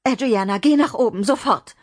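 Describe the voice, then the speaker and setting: A woman voicing a small, sharp-tongued middle-aged woman who shouts commands in a strong voice. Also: a little high, moderate pace, pitched above the performer's own voice, lightly acted. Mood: frightened commanding. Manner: loud, scolding, strong-voiced.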